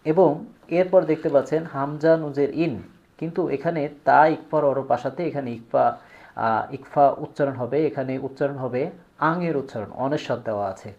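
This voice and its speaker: A man demonstrating a product step by step, slowly drawing out example words. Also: on the high side, darkish tone, muffled recording.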